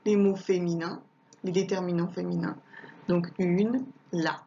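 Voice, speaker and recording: Slow, patient woman teacher, lo-fi. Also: on the low side, steady tone, background noise. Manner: slow, patient, repeats words and spells out letters. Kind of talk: home-schooling lesson for young children. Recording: dull lo-fi home recording.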